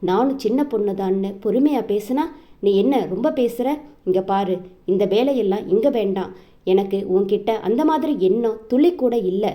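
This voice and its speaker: A woman's voice: medium pitch, highs cut off, close to an everyday voice. A woman reading the lines of a brusque young man in a story, scolding and lecturing. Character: young man, stern and scolding groom-side relative.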